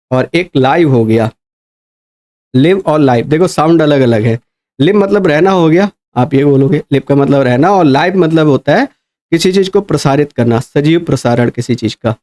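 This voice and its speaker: A male teacher with a slightly high voice. He explains step by step in a patient lecture style. He slows right down whenever he reads an example sentence aloud. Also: a little mellow. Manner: explains patiently, asks "है ना?" often, reads English quoted sentences slowly. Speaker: English teacher. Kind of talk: exam-prep lecture.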